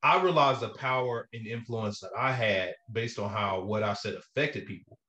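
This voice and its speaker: A man's voice: fairly low pitch, over a noisy crowd. Earnest man talking in an echoey room. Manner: earnest, halting, slangy. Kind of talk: casual reflective conversation. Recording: roomy, echoing sound.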